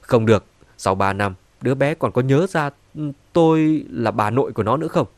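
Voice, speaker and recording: A man voicing a sharp-tongued, scheming grandmother who mocks and scolds, in a dry-sounding audiobook reading. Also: mid-range voice, fairly quick, no echo, natural voice. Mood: angry. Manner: scornful, mocking.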